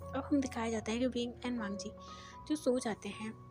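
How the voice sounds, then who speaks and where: A woman narrating a fan fiction story in a plain, steady storytelling manner. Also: a little high, moderate pace. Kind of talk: reading a story aloud. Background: background music.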